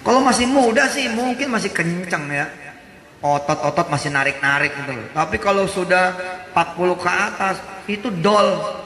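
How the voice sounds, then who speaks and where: A man's voice: sits high, lively intonation, normal speed, sharp tone. A man in his forties giving a joking, casual sermon and acting out little quoted voices. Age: 40s. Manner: jokey, acts out short quoted voices. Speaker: preacher. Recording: roomy hall reverb, faint background noise.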